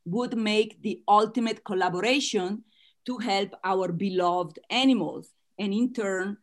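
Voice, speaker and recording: Speaking unhurriedly in a mid-range voice, a woman from Italy, here a guest author, answers an interviewer's questions earnestly. She has an Italian accent and laughs gently as she moves from one point to the next.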